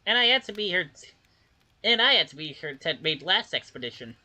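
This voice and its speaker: A player reads a game's dialogue aloud in a mid-range voice. The voice has a bright tone. The delivery is lively, with pitch that rises and falls widely. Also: brisk, a little hiss or hum. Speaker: game player voicing dialogue. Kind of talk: reading game dialogue aloud.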